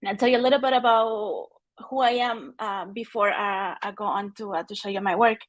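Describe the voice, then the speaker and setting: Chilean woman, halting, many fillers. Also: medium pitch, steady tone, no echo. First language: Spanish. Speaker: NFT artist guest. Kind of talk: casual personal talk. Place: home studio with art on the walls. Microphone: video call.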